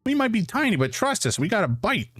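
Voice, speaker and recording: A man voicing a tiny, cheeky ant from a hive mind in a squeaky little voice, as he reads a fantasy game aloud. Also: very animated, quick pace, fairly bright tone, breathy edge, no echo, exaggerated voice. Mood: indignant. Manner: cheeky, defensive, talks of itself as we. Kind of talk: voicing a game character while reading aloud.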